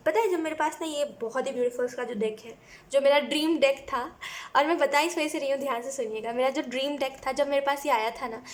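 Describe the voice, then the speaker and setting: High-voiced woman giving a chatty tarot reading. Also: brisk. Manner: chatty, mixes English phrases, repeats "है ना" and "you know". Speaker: tarot reader. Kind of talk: casual tarot reading talk.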